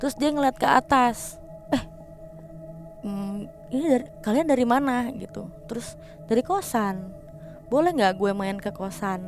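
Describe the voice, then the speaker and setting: A young woman talking as a guest in a casual chat, telling her story in a lively way and acting out the people she quotes in changed voices, mixing slang with English words. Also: on the high side, normal speed, pauses often, faint music behind. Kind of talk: casual storytelling of a ghost experience.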